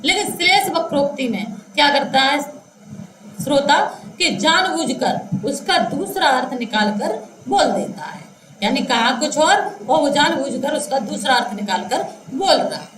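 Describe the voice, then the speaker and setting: A woman teacher giving a grammar lecture to students, talking slowly and repeating phrases word by word as she dictates, calling them children. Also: sits high, sing-song, a bit bright, roomy sound, a little hiss or hum, rough recording. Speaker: Hindi teacher. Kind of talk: classroom lecture explaining grammar.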